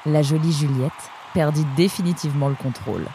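Low-voiced woman reading a story. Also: brisk, slight background noise. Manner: expressive reading. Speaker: narrator. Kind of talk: storybook narration.

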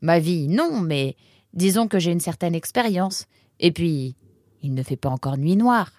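A woman voicing a calm, polite male forest animal in a storybook, speaking evenly and kindly. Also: lowish voice, a little slow, dry recording, clean studio sound. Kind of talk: storybook character voice.

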